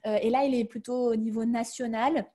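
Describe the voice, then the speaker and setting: A woman speaking on a video call in a webinar, answering questions casually. Her voice sits fairly high but sounds mellow and warm. She hesitates a lot and restarts her sentences. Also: steady tone, brisk. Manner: hesitant, many fillers and restarts. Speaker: webinar guest sharing her career change.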